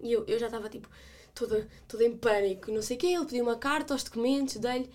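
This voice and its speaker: A young woman with a European Portuguese accent who speaks in a bright, high register and moves quickly from one phrase to the next. She tells the story in a lively way, laughing as she goes. The tone is a relaxed chat among students. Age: young adult. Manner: animated, laughs often while telling a story. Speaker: student podcast guest.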